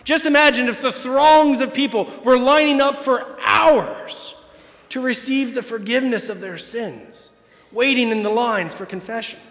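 A man in his thirties, a parish priest, preaching a Sunday homily from the pulpit with emphatic pauses. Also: very high-pitched, a bit bright. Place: large church, from the pulpit. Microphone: far camera, church sound system. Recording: long church reverb.

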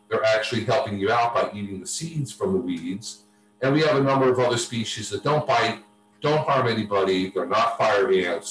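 A man's voice: fairly low pitch, echoey room, slight background noise. A man teaching an online class over a video call, his voice tinny and buzzing as if talking through a tin can, explaining things in a plain, practical way. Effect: tinny buzzing sound, like talking through a tin can. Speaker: extension class instructor.

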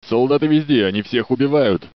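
Lightly acted and a little fast, a medium-pitched male voice delivers Russian game dub lines as a research facility security guard. The character comes across as friendly, polite, dutiful and courteous, with a hint of flirtation. The studio dub is dry and dull.

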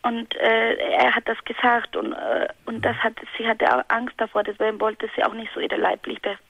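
A woman from Ecuador, calling in over the phone and speaking haltingly with many fillers. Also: fairly high pitch, little pitch movement, gravelly, no room sound. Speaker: caller. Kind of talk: emotional phone call. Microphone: telephone. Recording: phone line.

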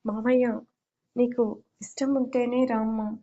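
Woman reading a sad tired uncle, fairly high mellow voice. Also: level tone, measured pace, highs cut off, lightly acted. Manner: weary, sorrowful. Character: grieving widowed uncle, weary and hurt.

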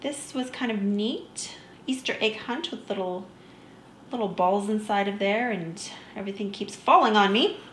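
A woman's voice: mid-range voice, moderate pace, a bit bright, roomy sound, slight background noise. A woman narrating a shopping vlog in a chatty, easygoing way, enthusiastic about small finds. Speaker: vlogger. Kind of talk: shop-with-me voice-over narration.

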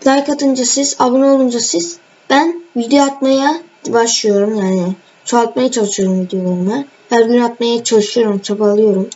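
On a dull lo-fi home mic with faint noise, screen-recorded, a young woman running a gaming channel chats about her match, ribbing the players she fights and addressing viewers directly. Her voice is a little high yet dark in tone, at a moderate pace with hardly any pauses.

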